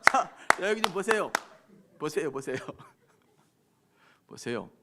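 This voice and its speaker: A middle-aged Korean man preaching a sermon as pastor, addressing the congregation with questions, chuckling at his own stories, and swinging from quiet asides to loud exhortations. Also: fairly high pitch, very animated, a little slow. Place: church sanctuary at a late-night service.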